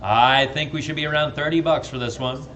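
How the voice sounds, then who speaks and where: A man's voice: a little high, brisk, a bit bright. Man, auctioneer, rhythmic bid chant, chatty asides, faint background hiss. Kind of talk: live-streamed auction calling.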